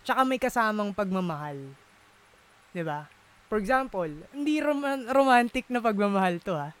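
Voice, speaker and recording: A man's voice: sits high, expressive, moderate pace, a bit bright, clean tone. A man in a casual chat, searching for words and mixing English into his talk. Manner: searching for words, many fillers, Taglish code-switching. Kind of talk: casual conversation.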